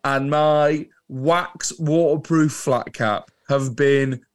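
A man's voice: on the high side, steady tone, slow pace, smooth, no room sound. A young man co-hosting a podcast in casual conversation, emphatic and repeating himself for effect. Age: younger adult. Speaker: podcast co-host. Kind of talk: casual chat.

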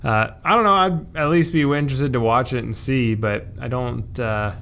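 A middle-aged man hosting a casual family podcast, rambling along with hesitant pauses. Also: medium pitch, creaky, fairly bright tone, slight background noise. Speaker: podcast host, father.

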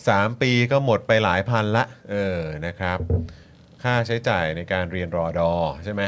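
A man hosting a casual talk show, brisk and prompting his guests. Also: fairly low pitch, a bit bright. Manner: brisk, prompting, polite particles. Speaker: host.

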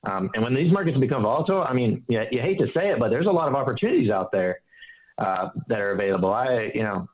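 A man giving calm financial advice in an interview, explaining with analogies and often restarting his sentences. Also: medium pitch, quick pace. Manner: earnest and explanatory, fond of analogies, many restarts. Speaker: financial advisor guest. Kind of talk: casual interview. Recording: dull, slightly lo-fi audio.

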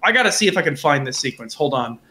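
A man hosting a podcast in casual chat, rambling and animated, swearing freely. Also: fairly high pitch, fast talker. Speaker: podcast host.

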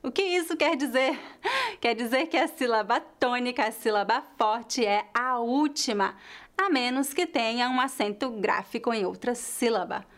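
A woman from Northeast Brazil with a mixed Brazilian Portuguese accent closest to São Paulo, teaching pronunciation slowly and carefully and repeating example words deliberately. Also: a little high, fairly bright tone. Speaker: language teacher. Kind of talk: pronunciation lesson.

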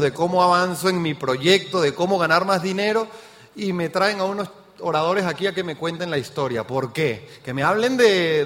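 A man's voice: high voice, fairly bright tone, in a large hall. A man from Venezuela with a Venezuelan accent gives a motivational talk to an audience on stage, often asking rhetorical questions. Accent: Venezuelan Spanish. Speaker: business event speaker.

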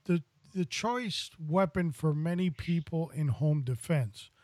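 A man's voice: a little high, slow, a little mellow, dry recording, studio quality. An American man hosting a podcast in a casual, folksy, wordy way. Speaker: podcast host.

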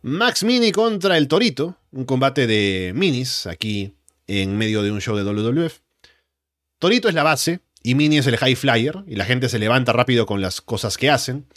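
A man recapping and reviewing wrestling as a show commentator, in a measured, matter-of-fact way. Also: medium pitch, big pitch swings, fairly bright tone, no room sound, clean studio sound.

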